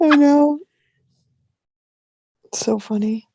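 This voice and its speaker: A woman hosting a relaxed podcast chat in a slightly gravelly morning voice. She talks chattily and drops "like" often. Her voice is recorded close up and dry, with no room echo. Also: high-pitched, takes it slowly, dull audio. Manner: chatty, lots of fillers like "like". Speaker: podcast host. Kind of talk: casual chat.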